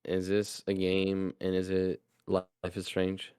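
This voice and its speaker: A man's voice: deep voice, monotone, slow, a little mellow, smooth, dry recording, clean studio sound. A man talking casually as a contestant in a friendly quiz game. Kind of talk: casual chat.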